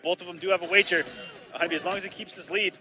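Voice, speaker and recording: Over music, an esports commentator with a high voice rattles off rapid-fire play-by-play of a fighting game. He gets excitable and explodes loudly on big plays, his voice slightly raspy from long casting sessions.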